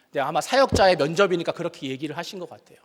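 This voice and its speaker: A man preaching a sermon as a pastor, telling stories earnestly, sometimes exclaiming loudly and sometimes quietly confessing. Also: on the high side, expressive, very fast. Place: church sanctuary. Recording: long reverb of a church hall.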